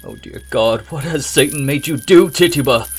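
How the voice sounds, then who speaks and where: A man's voice: fairly high pitch, normal speed, husky, faint music behind. A man playing a frightened colonial lawman in a radio drama, crying out in shaken bursts. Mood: terrified.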